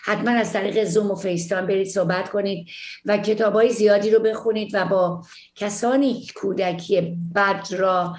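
A woman psychologist gives advice on a call-in TV show, warmly reassuring viewers and calling them dear. Her voice sits in a middling register. It carries a noticeable room echo. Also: medium pitch. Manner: warm, reassuring, uses terms of endearment. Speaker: psychologist answering viewer questions.

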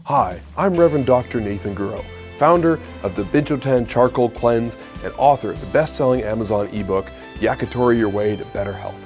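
A man playing an earnest spokesman selling a fake health product in a parody infomercial, with a smooth salesman delivery. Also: medium pitch, a little fast, few pauses, darkish tone, faint music behind, close to an everyday voice.

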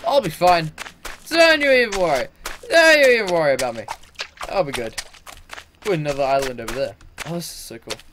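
A man giving let's play commentary on his own gameplay, excitable and self-mocking, who chatters to himself and to things in the game. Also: fairly high pitch, a little fast, long pauses, slight background noise. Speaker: gaming video host.

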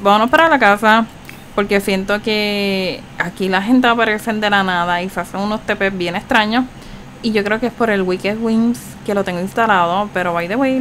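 A woman giving casual, chatty commentary over her gameplay, reacting with animated exclamations. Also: mid-range voice, slight background noise. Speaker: gaming channel host.

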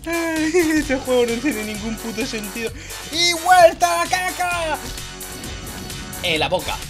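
A woman with a Spain Spanish accent giving excited gameplay commentary, often shouting and laughing. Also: high voice, a little slow, music in the background. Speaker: gaming youtuber.

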